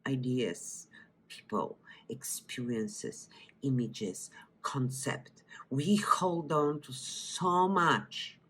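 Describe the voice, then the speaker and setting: Bulgarian woman, very slow and soft, slips into whispers, wellness teacher vibe. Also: extremely low pitch, slightly rough. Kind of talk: guided breathing meditation and cooking demo.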